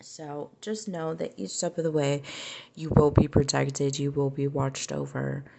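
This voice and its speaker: A woman's voice: sits low, little pitch movement, unhurried, gravelly, warm tone. A woman giving a casual tarot reading, musing aloud in a conversational way and often restarting her phrases. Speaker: tarot reader.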